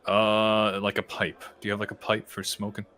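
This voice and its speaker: A man's voice: fairly low pitch, completely flat delivery, moderate pace, sharp tone. A man playing a tabletop role-playing game in casual, half in-character table talk.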